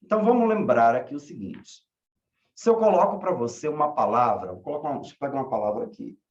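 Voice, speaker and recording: A man teaching a class, asking questions slowly and repeating key words. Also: mid-range voice, lively intonation. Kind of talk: online class lecture. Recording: echoey room, dull lo-fi sound.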